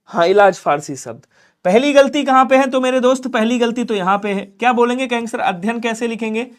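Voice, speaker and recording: A man teaching Hindi grammar in a live online exam-prep class, coaxing and repeating points and pressing viewers to answer quickly. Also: extremely high pitch.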